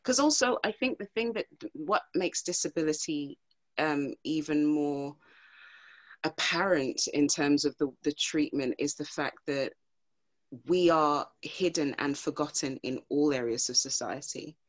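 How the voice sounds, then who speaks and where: A woman guest on a podcast who speaks earnestly and thoughtfully, often pausing to find her words. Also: deep voice. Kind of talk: casual podcast conversation.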